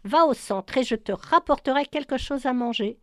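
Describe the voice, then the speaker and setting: A woman reading the part of a young female crew member in a storybook, soft and anxious. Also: high voice, moderate pace, dry recording, clean studio sound, pitched above the performer's own voice, natural voice. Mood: urgent.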